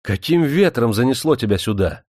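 A man voicing a warm, decisive nobleman who speaks heartfelt and commanding. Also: mid-range voice, lively intonation, normal speed, dry recording, clean studio sound, pitched above the performer's own voice, lightly acted.

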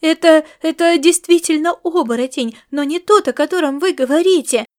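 An anxious young woman, urgently pleading and tripping over her words, as a woman voices her in an audiobook. The voice jumps high and loud with alarm. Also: moderate pace, close to an everyday voice. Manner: urgent, stammering plea.

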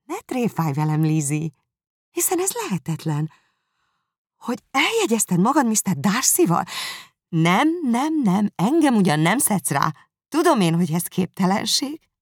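A woman voicing a gentle, trusting young woman speaking earnestly to her sister, in an audiobook reading. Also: medium pitch, very animated, dry recording, clean studio sound, voice pushed up. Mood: disbelieving. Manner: earnest, incredulous, warm. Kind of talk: audiobook character voice.

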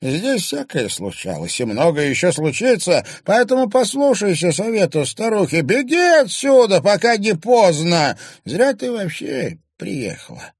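A bitter old crone screeches and drags out her warnings in a high, strained voice. Her words are slow and full of spite. The recording is dry and close. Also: wildly swooping pitch, breathy edge, no echo, heavily acted. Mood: ominous. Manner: shrill, drawn-out, mumbling.

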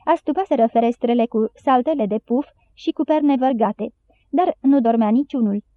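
Woman narrating an audiobook, tinny. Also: fairly high pitch. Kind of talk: scripted narration. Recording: dry, tinny phone-like sound.

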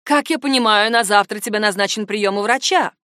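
A woman voicing a calm, persistent male AI assistant who speaks in a measured, soothing way. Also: medium pitch, dry recording, clean studio sound, close to an everyday voice. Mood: calm, insistent.

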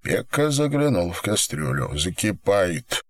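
A man reading a crime novel aloud as narrator, measured and dramatic. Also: on the low side, expressive. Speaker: audiobook narrator. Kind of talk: scripted narration.

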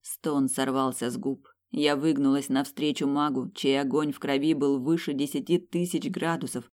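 The narrator is a woman with an extremely low, slightly mellow voice, steady in tone and at normal speed, reading an audiobook. The novel is in the first person, and her emotive reading rises whenever exclamations or quoted lines come up.

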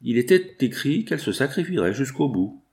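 A man narrating a classic novel as an audiobook, in a measured, expressive storytelling manner. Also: medium pitch.

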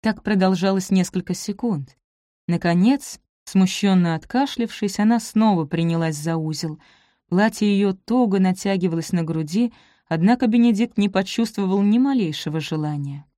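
A woman narrating a romance novel in a measured, expressive reading voice. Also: medium pitch, no echo, clean studio sound. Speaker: audiobook narrator.

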